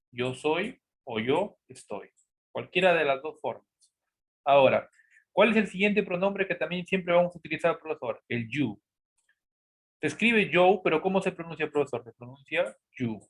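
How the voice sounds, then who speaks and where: A man teaching a grammar lesson. He poses students' questions aloud, answers them himself, and repeats key words slowly. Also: a little high, a bit bright. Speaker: English teacher. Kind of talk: classroom-style lesson explanation.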